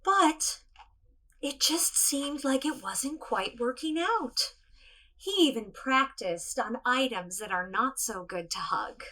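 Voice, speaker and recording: A woman playing a gentle, sincere princess who tells children a story in a soft, slow, soothing way, sometimes dropping to a whisper. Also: fairly high pitch, lively intonation, exaggerated voice, low-quality recording. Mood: storytelling.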